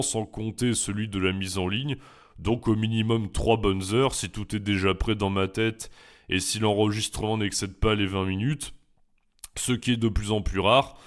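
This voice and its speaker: A young French man who teaches philosophy and runs a YouTube channel reads out his FAQ answers, measured and reflective with some hesitant fillers. His pitch sits fairly low.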